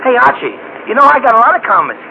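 An actor playing a dim-witted, good-natured cab driver with rough, slangy New talk who mangles big words, in 1940s radio comedy style. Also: male voice, very high-pitched, sing-song, fast, heavily acted. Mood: dopey. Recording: muffled old radio broadcast with hiss.

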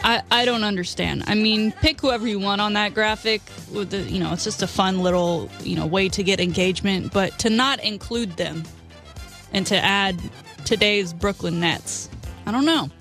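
A woman's voice: medium pitch, normal speed, fairly bright tone, faint music behind. A woman co-hosting a sports talk show, conversational and opinionated in a casual style. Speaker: sports radio co-host.

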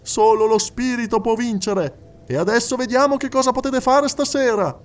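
A man's voice: very high voice, normal speed, recorded from a distance, voice pushed up. A man voicing an earnest young male secretary who appeals to a crowd for money in a fervent, raised voice. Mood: pleading.

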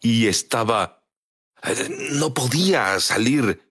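Man, middle-aged, interview guest, earnest testimony, lively pitch. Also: takes it slowly, breathy edge. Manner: earnest storytelling.

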